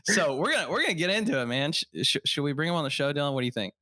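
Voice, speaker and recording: A man hosting a podcast, chatting in a quick, excitable, joking way. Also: fairly high pitch, dry recording, studio quality. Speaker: podcast host. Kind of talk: casual podcast chat.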